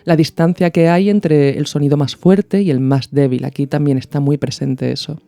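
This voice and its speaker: A woman with a low, gravelly yet mellow voice hosts a podcast, speaking steadily at a normal pace. She offers explanatory commentary on radio art in a conversational, teaching manner. The recording has no echo.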